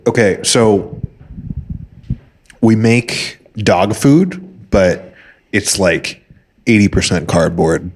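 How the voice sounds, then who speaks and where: A man's voice: lowish voice, very slow, pauses often, a little hiss or hum. A man co-hosting a podcast, making wry, joking comments in casual chat. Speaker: podcast co-host.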